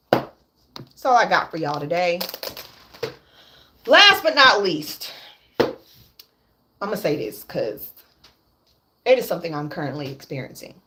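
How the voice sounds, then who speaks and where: There's a noisy background behind this livestream host, a woman in her late thirties with a fairly low-pitched voice. She's candid, blunt and profane, and she keeps repeating points for emphasis.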